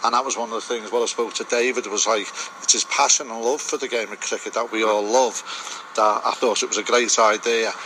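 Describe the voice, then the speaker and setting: A man gives a casual interview. His voice sits fairly low but has a bright, firm edge. Faint ambience can be heard behind him. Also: steady tone, a little fast, few pauses, slight background noise, poor audio. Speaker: interview guest, cricket club member.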